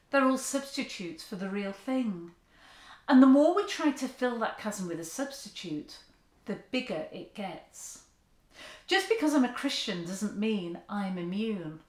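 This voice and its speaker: An earnest woman in her fifties preaches to the camera from her sofa, her voice rising and falling in wide, lively swings. The room around her is echoey, and her hands move as she talks. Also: on the high side. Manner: earnest, expressive, with open hand gestures. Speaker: church speaker. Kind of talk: sermon talk to camera. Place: living room, seated on a sofa indoors.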